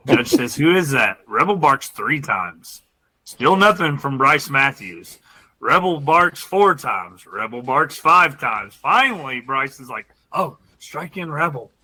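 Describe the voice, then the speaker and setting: A man co-hosting a casual podcast, telling a story in an animated way with laughter. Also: medium pitch, takes it slowly, low-quality recording. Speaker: podcast co-host.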